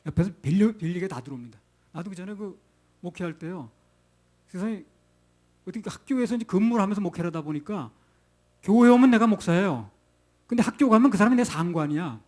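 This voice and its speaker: A man's voice: high-pitched, animated, fast talker, long pauses, a little mellow. A middle-aged male pastor preaching a sermon in a folksy, conversational way, asking the congregation rhetorical questions.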